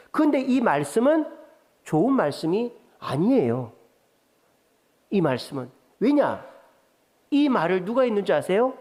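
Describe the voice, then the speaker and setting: A middle-aged man preaching a sermon with a high, bright-sounding voice. His pitch swings widely as he acts out sarcastic quotes and asks the listeners questions. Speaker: pastor.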